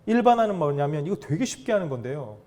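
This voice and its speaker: A middle-aged man giving a lively lecture to fathers, acting out dialogue and asking the audience questions. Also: fairly high pitch, fast talker. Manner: animated, acts out dialogue, asks audience questions.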